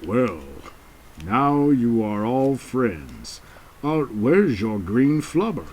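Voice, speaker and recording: A man voicing a polite, formal male character in a homemade puppet drama, speaking slowly and courteously for a monster. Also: mid-range voice, sing-song, darkish tone, full character voice.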